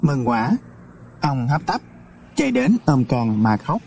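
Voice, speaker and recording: A man narrating a Buddhist moral tale in a slow, dramatic storytelling way. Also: mid-range voice, big pitch swings, creaky, darkish tone, a little hiss or hum.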